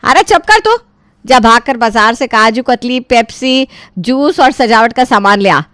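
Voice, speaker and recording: A sharp, high-pitched older mother-in-law barks orders and scolds her household in a cartoon story, as a woman puts her on. The sound is dry and close, with no room around it. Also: measured pace, smooth, no echo. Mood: bossy scolding.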